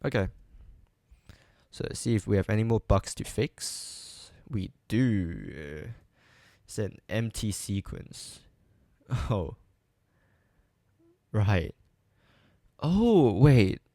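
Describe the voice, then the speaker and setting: A man with a low, gravelly voice works through a coding problem aloud at an unhurried pace. He hesitates often and makes light fun of his own mistakes, and the dry recording has no room sound. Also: big pitch swings, warm tone, no room sound. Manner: hesitant, full of ums and restarts, self-deprecating. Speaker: coding streamer. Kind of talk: thinking aloud while live coding.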